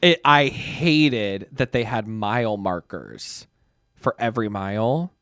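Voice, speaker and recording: A man co-hosting a casual podcast chat, laughing often and teasing, his voice trailing off quietly at the ends of lines. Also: on the low side, very animated, slow pace, no room sound, clean studio sound. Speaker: podcast co-host.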